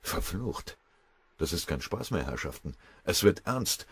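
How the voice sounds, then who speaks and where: Motz, a gruff no-nonsense soldier in an audiobook war story, voiced by a man, curt. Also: low voice, big pitch swings, unhurried, a bit bright, full character voice. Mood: alarmed. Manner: gruff, blunt. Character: gruff male soldier, blunt and practical.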